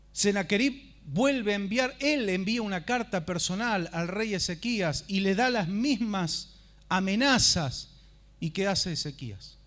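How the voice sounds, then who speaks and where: A male pastor preaching a sermon at a church service, telling the story dramatically and swinging from hushed to loud. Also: high voice.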